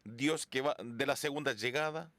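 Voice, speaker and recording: Halting pastor preaching a sermon. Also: male voice, mid-range voice, a bit bright. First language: Korean. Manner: halting, with restarts and repeated phrases. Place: church sanctuary, at the pulpit.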